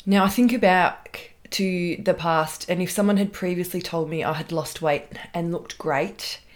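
A woman's voice: fairly low pitch, moderate pace. A middle-aged woman with an Australian accent, hosting a solo podcast in a candid, chatty, self-deprecating way. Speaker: podcast host.

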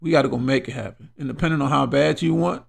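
A middle-aged man hosting a podcast as motivational talk, exhorting listeners emphatically and repeating phrases for weight, in a gravelly, husky voice. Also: medium pitch, quick pace. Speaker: podcast host.

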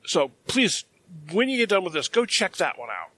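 A man co-hosts a casual podcast in a rather high, very bright voice. He rambles and leans hard on his points, often breaking off to restart a sentence. He says his throat is dry. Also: big pitch swings, normal speed. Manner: rambling, self-correcting, emphatic. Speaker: podcast co-host.

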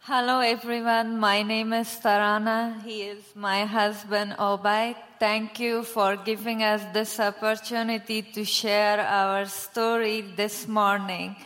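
A woman giving a brief formal greeting to a congregation from the stage. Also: medium pitch. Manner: slow and even, formal greeting. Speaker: guest greeting the church. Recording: reverberant church hall with faint music.

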